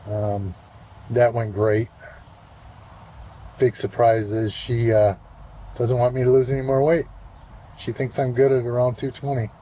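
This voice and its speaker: A man in his sixties gives a casual vlog update outdoors, speaking unhurriedly at a middling pitch. His delivery is relaxed and rambling, and he pauses often on fillers. A faint hum of open air sits behind his voice. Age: 60s. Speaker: vlogger. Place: outdoors, walking and at a golf course.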